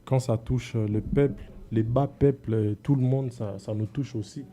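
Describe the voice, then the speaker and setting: A man's voice: medium pitch, fairly even intonation, normal speed, warm tone. A man from DR Congo with a Congolese accent, answering casually as a guest artist, hesitating and slipping between French and Swahili.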